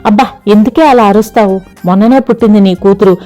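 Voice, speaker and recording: A woman's voice: mid-range voice, quick pace, dark tone, faint music behind, close to an everyday voice. A woman voicing a fond middle-aged mother who fusses anxiously and affectionately over her daughter, storybook style. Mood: fussing.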